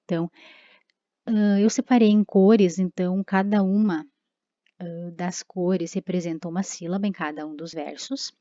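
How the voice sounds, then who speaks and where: A woman's voice: on the low side, dark tone, no echo, muffled recording. A woman teacher giving a recorded lesson, explaining step by step with frequent tag questions and fillers.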